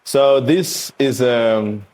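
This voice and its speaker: A thirty-year-old man from Eswatini sits for a candid, casual interview. He talks openly and animatedly about himself, often slipping into quick impressions of other people's reactions in his mid-pitched voice. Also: darkish tone. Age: 30s. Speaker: interview guest.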